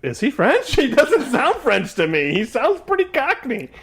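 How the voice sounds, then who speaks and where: A male co-host on a casual podcast, with a lively voice that swings up and down. He talks in a playful, eager way and keeps the conversation moving. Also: very high voice, a little slow, a little hiss or hum.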